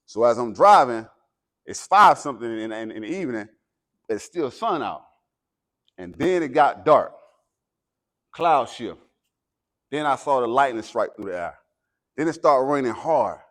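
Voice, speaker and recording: An American man, a guest motivational speaker, gives a pregame pep speech in a mid-range voice, speaking a little slowly with long pauses. His style is preacherly and emphatic, starting calm and building to loud exhortation.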